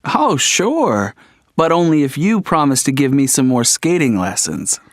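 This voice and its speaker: A man's voice: on the high side, very animated, unhurried, no room sound, studio quality. An actor playing a friendly young man who is new to skating and chatty in a scripted textbook dialogue. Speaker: travel agency computer worker.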